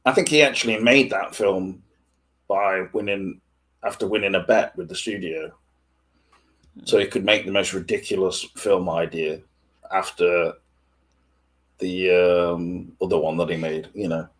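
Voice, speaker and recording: A man's voice: sits low, fairly even intonation, measured pace, long pauses. A man co-hosting a podcast, talking films in a wry, skeptical way. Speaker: podcast co-host. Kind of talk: casual chat about films.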